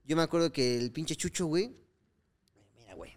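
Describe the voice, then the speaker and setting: A man's voice: on the high side, animated, brisk. A man with a Mexican accent in casual podcast chat, telling stories full of slang and acting out the quoted lines of people in them. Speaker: podcast co-host.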